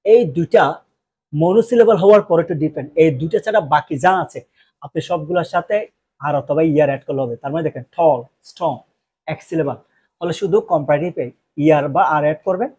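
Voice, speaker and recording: Husky-voiced man teaching grammar. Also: fairly high pitch, quick pace, mellow. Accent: Bangladeshi Bengali. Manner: asks questions and answers them himself, joking asides. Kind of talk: classroom lecture.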